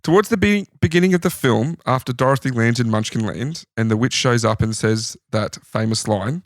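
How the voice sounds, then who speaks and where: A man's voice: medium pitch, fairly quick, no room sound, clean studio sound. An Australian man co-hosting a podcast, casually telling trivia stories from his notes. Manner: storytelling, recounting trivia from notes. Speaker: podcast co-host. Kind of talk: casual chat.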